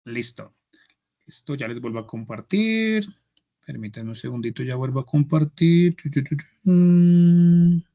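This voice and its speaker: Colombian male teacher, slightly high voice, patient, dull lo-fi video call. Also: animated, warm tone. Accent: Colombian Spanish. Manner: patient, repeats words, slow model phrases. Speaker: English instructor. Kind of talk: online class teaching. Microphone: computer mic on a video call.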